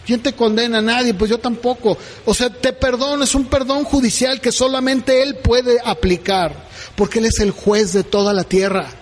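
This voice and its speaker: High-voiced pastor preaching in a hall. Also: male voice, normal speed. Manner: conversational preaching with frequent "¿verdad?" asides. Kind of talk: sermon. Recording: long reverb of a hall.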